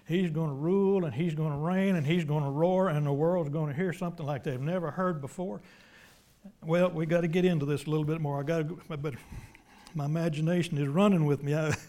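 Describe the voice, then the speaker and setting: Emphatic high-voiced preacher. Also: male voice. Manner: emphatic, folksy, swings from loud to hushed. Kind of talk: sermon.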